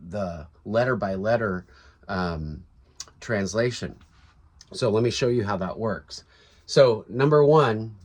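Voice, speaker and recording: Slow, low-voiced man explaining. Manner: unscripted, with restarts and fillers. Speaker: teacher. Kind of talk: casual explainer video lesson.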